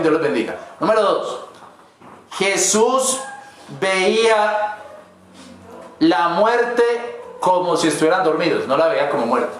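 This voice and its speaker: A man's voice: fairly high pitch, a bit bright. Echoey preaching man with folksy asides. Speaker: pastor. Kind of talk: sermon. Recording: very echoey church hall with faint noise.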